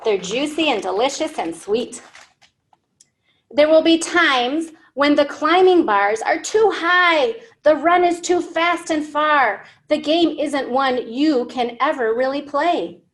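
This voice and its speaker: A woman in her thirties reads a picture book aloud at library storytime, speaking animatedly and slowly in a high voice. As the children's librarian in an indoor room, she expressively poses simple questions and explains things to young learners.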